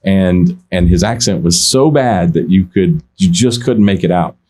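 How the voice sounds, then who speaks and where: This guest, a man in car auctions, has a voice that sits low and a slightly slow delivery. Telling animated stories in a casual podcast chat, he frequently starts sentences over and quotes what others said.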